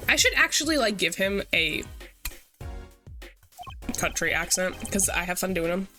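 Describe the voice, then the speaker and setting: A woman streamer talks bluntly and casually over a game, swearing as she goes. Her voice is bright and forceful on a desk mic, with faint game music behind. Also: on the low side, very animated, normal speed. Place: home streaming setup.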